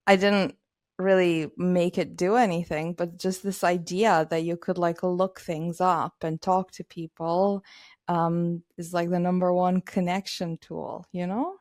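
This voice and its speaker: A woman's voice: fairly low pitch, level tone, unhurried, a little mellow, dry recording. Woman, 30s, from Romania, interview guest, chatty, fillers, dry recording. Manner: chatty, laughs often, many fillers. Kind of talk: casual interview.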